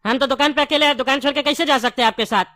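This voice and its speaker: A talkative candy-shop owner who argues and laughs easily, played by a woman in a high, bright voice. The delivery is a light comedy-skit performance. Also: racing, dry recording, studio quality. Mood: chatty. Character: chatty male shopkeeper selling cheap candy. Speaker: comic skit actor.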